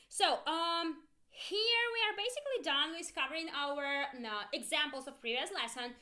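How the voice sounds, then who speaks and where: Bright high-voiced woman teaching English. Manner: patient, repeats phrases slowly for learners. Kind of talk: online language lesson, drilling example sentences.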